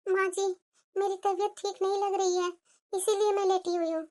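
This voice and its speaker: Woman voicing a squeaky sickly young daughter-in-law. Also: level tone, normal speed, darkish tone. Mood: pleading. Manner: weary, complaining. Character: sick, put-upon young daughter-in-law. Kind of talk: cartoon voice acting.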